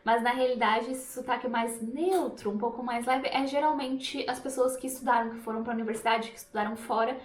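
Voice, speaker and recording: A woman's voice: on the high side, steady tone, brisk, few pauses, echoey room. A woman from Brazil, an English teacher, explaining pronunciation in a chatty video lesson and demonstrating example words. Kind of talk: YouTube language lesson.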